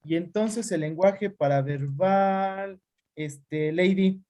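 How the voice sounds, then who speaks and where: A man's voice: sits high, takes it slowly, dark tone. A man teaching a class over a video call, calling on students by name and explaining with examples. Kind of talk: online class lecture.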